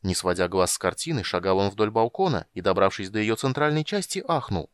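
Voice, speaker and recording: Lowish guy reading an audiobook, really animated, dry close sound. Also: a little fast, clear, resonant tone, no echo. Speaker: audiobook narrator. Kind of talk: scripted audiobook narration.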